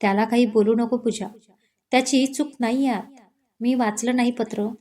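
A woman voicing a gentle, heartbroken young bride who speaks quietly and resignedly, in a storybook reading. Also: on the high side, steady tone, normal speed, natural voice. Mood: sad.

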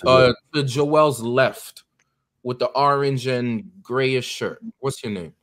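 A man's voice: medium pitch, slow, fairly bright tone. An American man, a deacon, preaching earnestly and directly to guests at a meeting, with many ums and uhs. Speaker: deacon leading a Bible study.

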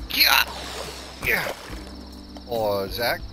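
A man playing a video game with a friend, teasing him and laughing a lot. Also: mid-range voice. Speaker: gamer. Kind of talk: gameplay chat.

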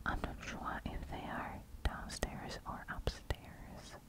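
A woman gives whispered ASMR game commentary in a soft, breathy voice, close to the microphone, gently murmuring to herself as she plays. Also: slow pace. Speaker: gamer narrating gameplay.

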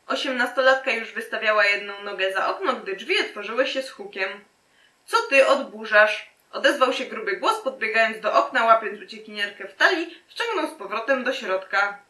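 A woman in her twenties reading fanfiction aloud for comedy and breaking in with deadpan, sarcastic asides. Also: a little high, recorded from a distance. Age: 20s. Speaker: channel host. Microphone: camera mic at a distance. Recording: roomy, recorded away from the mic.

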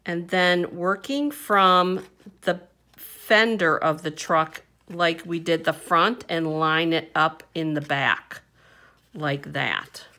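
Slow-talking woman explaining a craft. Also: low-pitched, fairly even intonation, bright, forceful tone. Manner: unhurried, chatty step-by-step instructions with fillers. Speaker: papercraft instructor. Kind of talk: hands-on craft tutorial. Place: indoor craft table.

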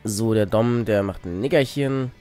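A man's voice: lowish voice, moderate pace, a little mellow, faint music behind. A man giving casual, wry commentary while playing a life-simulation game, muttering to the characters on screen. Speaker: let's play host.

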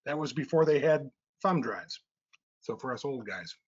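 A man's voice: mid-range voice, lively intonation, moderate pace, slightly rough. A middle-aged man presenting technical slides in a webinar, explaining step by step with frequent uh and um fillers. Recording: slightly dull lo-fi webinar audio.

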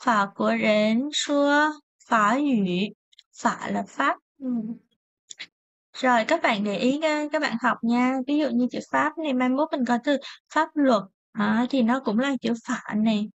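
A young woman teaches an online language lesson, patient and methodical. Her voice sits high with a gravelly edge. The sound is dry and a little dull. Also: no room sound. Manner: patient, explains step by step, repeats words slowly.

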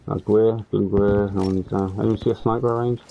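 A man's voice: fairly low pitch, flat delivery, moderate pace, vocal fry, phone-quality sound, slight background noise. A man chatting casually with his squad in an online game, repeating short callouts.

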